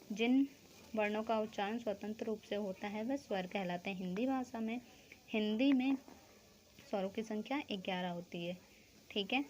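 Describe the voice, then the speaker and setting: A woman's voice: mid-range voice, a little mellow, slight background noise. A woman teaching a school grammar lesson, explaining step by step, asking questions and answering them herself, checking in often with the class.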